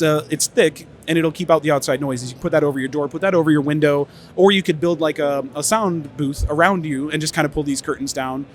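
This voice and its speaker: A little hiss or hum sits under a man's fairly high-pitched voice as he talks from the stage of an audio trade expo. His delivery is loose and conference-like, weary after numerous interviews, and peppered with fillers and false starts.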